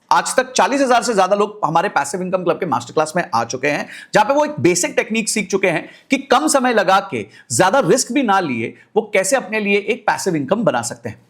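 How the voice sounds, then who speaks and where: A middle-aged man with an Indian accent, an energetic finance YouTuber speaking straight to his viewers. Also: sits high. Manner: energetic, direct address to viewers. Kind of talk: explainer video talk.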